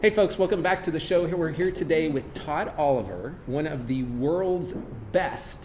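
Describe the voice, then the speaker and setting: A man's voice: on the high side, lively intonation, normal speed, a little mellow, slight background noise. A man hosting a talk show in a casual, conversational interview style.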